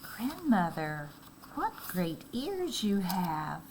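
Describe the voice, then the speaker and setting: An innocent little girl from a storybook, voiced by a woman reading aloud speaks slowly and eagerly. Her lines rise higher than the narration, with a sing-song lilt. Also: big pitch swings, noisy background, heavily acted. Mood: wondering.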